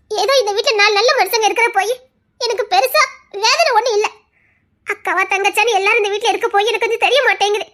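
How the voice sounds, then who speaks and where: A woman voicing a hurt young wife in a Tamil audio drama, pleading and tearful, rising to shouts. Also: very high-pitched. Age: young adult.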